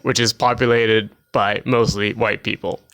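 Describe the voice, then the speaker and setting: A man's voice: lowish voice, little pitch movement, moderate pace, a bit bright. A man co-hosting a podcast, chatting casually in a dry, blunt, teasing way. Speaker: podcast co-host. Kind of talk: casual chat.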